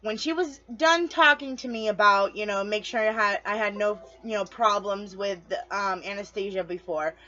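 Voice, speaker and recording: A woman's voice: mid-range voice, normal speed, hardly any pauses, bright, forceful tone, highs cut off. A woman telling her story to camera in a casual vlog, chatty and rambling, losing her train of thought and talking straight to her viewers. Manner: chatty, addresses viewers directly. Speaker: vlogger.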